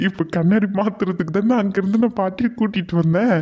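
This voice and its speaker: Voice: medium pitch, fast talker, warm tone, muffled recording, close to an everyday voice. A performer voicing a sarcastic young man in a cartoon who teases and threatens his friend. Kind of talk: cartoon voice acting.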